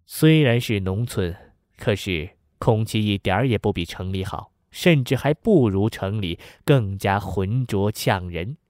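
A man narrating a novel in a measured, somber storytelling manner. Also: lowish voice, expressive, a little mellow, no room sound, studio quality. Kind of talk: audiobook narration.

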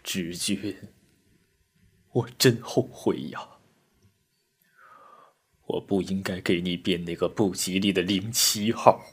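Man doing grieving young soldier, tearful, hushed, husky. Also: sits low, fairly even intonation, slow pace, long pauses, heavily acted. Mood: grieving murmur. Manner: tearful, murmuring, bursts into shouts. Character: grieving young male soldier, mourning a comrade.

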